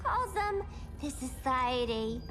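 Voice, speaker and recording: Squeaky-high, zany Harley Quinn. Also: female voice, sing-song, slow, fairly bright tone, soft background music, full character voice. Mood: cheeky. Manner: playful, slangy, sing-song.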